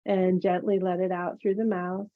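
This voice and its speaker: A woman teaching yoga and meditation, guiding relaxation in a gentle, soothing murmur with pauses. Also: fairly low pitch, little pitch movement. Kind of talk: guided meditation instruction. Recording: phone-like narrow-band sound.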